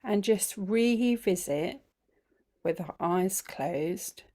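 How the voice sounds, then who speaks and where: A woman guiding a body scan meditation, speaking gently with frequent ums and some softly whispered phrases. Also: medium pitch, lively intonation, extremely slow. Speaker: breathwork and mindfulness teacher.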